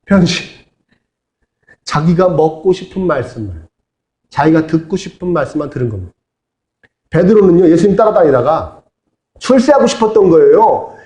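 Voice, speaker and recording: Male pastor giving a sermon, high lively voice, big echoey church. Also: moderate pace, pauses often. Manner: animated, asks the congregation to repeat and answer. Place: church sanctuary.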